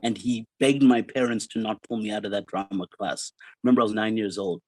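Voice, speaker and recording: A South African man in his fifties, a comedian guest in a casual interview, telling his story with quick jokes. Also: fairly low pitch, steady tone, dry recording, poor audio. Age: 50s. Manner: jokey, quick one-liners.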